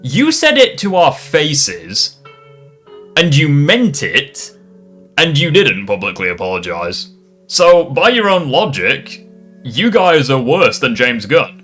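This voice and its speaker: A man's voice: a little high, huge pitch swings, slow pace, a bit bright, breathy edge, faint music behind. A man giving casual, irreverent commentary as a YouTuber answering critics, swearing and rambling into asides.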